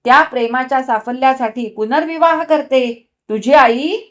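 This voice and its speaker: A woman's voice: sits high, measured pace, voice pushed up. A woman voicing an angry, scornful husband in a storybook reading, sneering and biting.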